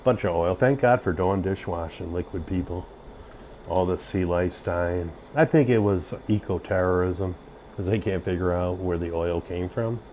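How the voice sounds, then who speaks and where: A man in his fifties with a deep, dark voice chats loosely to a livestream. He sounds drunk, boasting and drifting from thought to thought. There is faint noise behind him. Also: moderate pace. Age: 50s. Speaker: livestream host. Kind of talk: rambling casual livestream chat.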